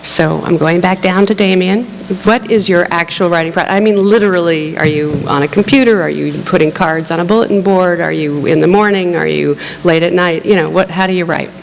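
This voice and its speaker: A female moderator puts questions to a writers' panel and stumbles over her words as she goes. Her voice is gravelly and sits a little low. A long hall reverb carries it, with a faint hum beneath. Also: a little fast, hardly any pauses. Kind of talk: panel discussion.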